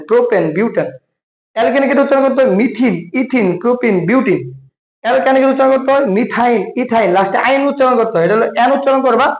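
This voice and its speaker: A man's voice: very high-pitched, echoey room, rough recording. A man with a Bangladeshi Bengali accent teaching an exam-prep chemistry lesson, quizzing the listener with questions and then answering them himself, and calling the viewer brother. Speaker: chemistry tutor.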